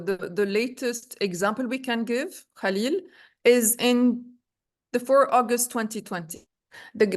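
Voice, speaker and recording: A woman from Lebanon, a podcast guest speaking in a conversational interview, often searching for words and restarting. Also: medium pitch.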